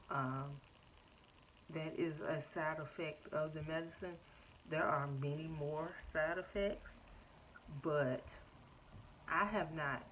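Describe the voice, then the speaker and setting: A woman in her thirties talks to her camera at home in an unhurried, low voice. Her update is chatty and loose, full of "um" and "like". A faint hum of room ambience sits under her. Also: fairly bright tone, low-quality recording. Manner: chatty, frequent "um" and "like", addresses viewers as "y'all". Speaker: vlogger. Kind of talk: casual personal update to camera.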